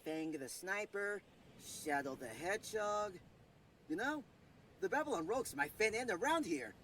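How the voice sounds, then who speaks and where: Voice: mid-range voice, sing-song, unhurried, a little hiss or hum. A performer playing a cocky, carefree young male blue hedgehog hero in a cartoon comic dub, talking in a breezy, teasing, slangy way. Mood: easygoing. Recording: loud music behind the voice. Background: music.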